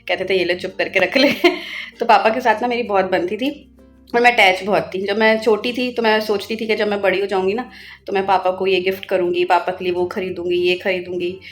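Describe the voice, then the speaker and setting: Young woman vlogger, casual chatty storytelling, soft music low behind her. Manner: chatty, warm storytelling, soft and wistful when remembering. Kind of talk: casual vlog chat.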